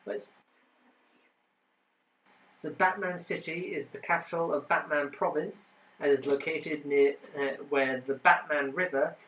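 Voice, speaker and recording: A man's voice: fairly high pitch, steady tone, a little slow, a bit bright, rough recording. Chatty man hosting a quiz. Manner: chatty, reads answers then adds trivia with many fillers. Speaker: quiz host. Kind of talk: casual quiz reading on a livestream.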